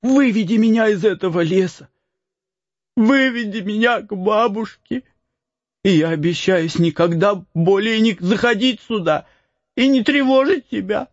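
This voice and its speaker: Crying scared little kid, real high, slow begging, dull lo-fi sound. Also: male voice, dry recording. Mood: pleading. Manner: tearful, high-pitched begging. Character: crying frightened little rich boy, pleading.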